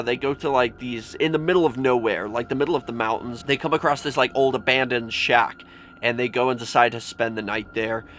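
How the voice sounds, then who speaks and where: A man with a mid-pitched voice tells spooky stories as a casual vlogger. His delivery is informal and chatty, peppered with "like". The recording has noticeable noise and ambience behind him. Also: fairly bright tone. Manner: informal, mild swearing, frequent "like". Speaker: vlogger telling scary stories. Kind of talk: casual spoken storytelling. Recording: clearly noisy with background ambience.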